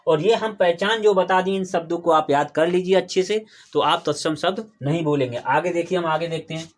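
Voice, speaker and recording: A man's voice: a little high, brisk. A man teaching a classroom grammar lesson, quizzing his students with call-and-response questions and patiently repeating the key terms.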